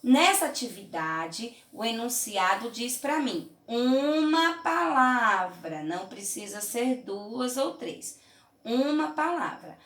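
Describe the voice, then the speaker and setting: A woman teaching young children in a remote lesson, from Brazil, patient and clear, often checking in with "tá?" and "certinho?". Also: a little high, big pitch swings, takes it slowly, a bit bright, distant mic. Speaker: primary school teacher. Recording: roomy echo, mic held away.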